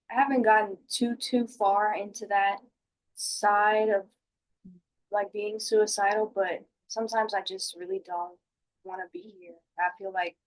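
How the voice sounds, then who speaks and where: A woman playing a dejected client who has lost job and home, confiding haltingly in a mock counseling session. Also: medium pitch, close to an everyday voice, low-quality recording. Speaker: client in a role play.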